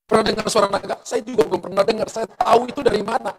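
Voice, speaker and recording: A middle-aged male pastor preaching a sermon in church, telling a story with lively testimony and speaking straight to the congregation. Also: high-pitched, rapid-fire, rough recording. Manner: animated storytelling testimony, addressing the congregation directly.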